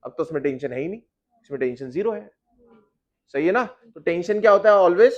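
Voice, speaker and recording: High-voiced male physics teacher. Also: lively intonation, a little fast, muffled recording. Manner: explains with questions to students, addresses them as beta. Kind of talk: classroom lecture.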